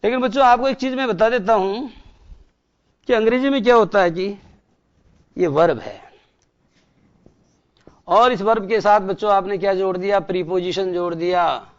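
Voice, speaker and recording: A male teacher with a Rajasthani Hindi accent, explaining an English lesson in Hindi. He asks the class questions and answers them himself, and he stretches key English words out slowly. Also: sits high, clean tone, dull audio.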